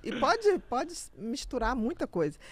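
A woman with a Brazilian Portuguese accent, a guest on a podcast, chatting casually and telling family stories with lively acted-out bits and frequent laughter. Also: high-pitched, a little slow, a loud crowd. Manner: lively storyteller who acts out family members and laughs often. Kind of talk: casual interview chat.

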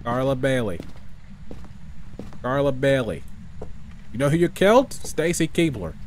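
A man streaming a ghost-hunting game, chatting casually and loudly scolding an unseen ghost in mock anger. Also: medium pitch, sing-song, measured pace, slight background noise, low-quality recording. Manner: mock-scolding, loud playful taunting. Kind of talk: casual gaming chat.

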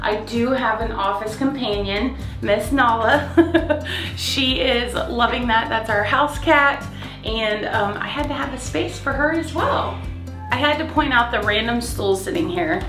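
Bubbly vlogger woman in her forties, fairly high voice, filming herself at arm's length indoors with faint music. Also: measured pace, fairly bright tone. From Florida. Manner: bubbly, chatty, enthusiastic. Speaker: vlogger host. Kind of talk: casual home tour vlog. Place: home office, indoors, small room. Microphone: handheld camera at arm's length.

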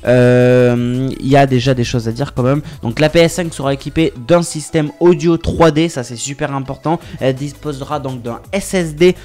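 A tech YouTuber in his twenties from southwest France chats through tech news, treating his viewers as friends, with plenty of hesitations, filler sounds and restarts. His medium-pitched voice is steady and a little mellow, at normal speed with hardly any pauses, over soft background music.

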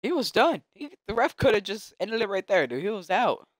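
Excitable male gamer, lively swinging pitch, dry close-mic sound, casual let's-play commentary. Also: brisk, no room sound. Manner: excitable, yells sound effects and taunts. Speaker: gaming commentator.

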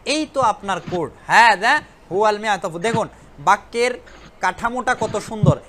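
A man teaching an Arabic lesson online, who reads dialogue lines slowly, then translates and explains them and checks with his students. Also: high voice, lively intonation, bright, forceful tone. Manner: addresses students directly and checks understanding.

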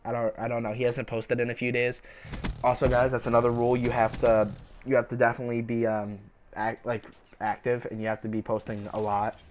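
Playing a game, this young man talks in a monotone, medium-pitched voice at a fairly quick clip, his throat sounding scratchy and sore. He rambles along casually, leaning heavily on fillers.

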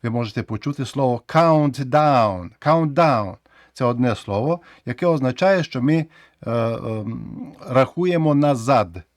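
A man's voice: mid-range voice, expressive, no echo. Ukrainian man teaching English, dry close sound. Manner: explains slowly, repeats words for drill. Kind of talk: casual video lesson.

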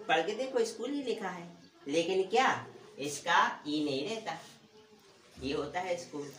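A male teacher giving a pronunciation lesson, asking questions and answering them himself and repeating words slowly. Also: a little high, a bit bright, far from the mic, a little hiss or hum. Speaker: English teacher. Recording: roomy echo, voice from off the mic.

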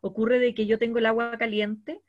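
A woman's voice: fairly high pitch, level tone, moderate pace, muffled recording. A woman, a hospitality trainer leading a workshop and explaining to participants.

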